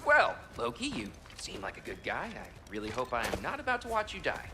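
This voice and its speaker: Speaking at normal speed in a mid-range voice over a noisy background, a man performs a chatty, prying refugee for a game cutscene with music. The excitable character wavers between eagerness and doubt.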